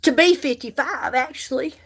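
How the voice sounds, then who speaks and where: Doing her makeup on a livestream, a woman in her 50s from the United States chats casually with viewers. Her voice sits high and is a bit bright, moving at a moderate pace; she reads and replies to comments and repeats things for emphasis.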